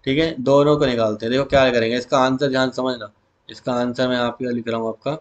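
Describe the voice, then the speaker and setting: A man's voice: mid-range voice, little pitch movement, lo-fi sound. A male teacher giving an exam revision lesson, calling his students "beta" and repeating key words back to them as questions. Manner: reads English SQL commands slowly, word by word.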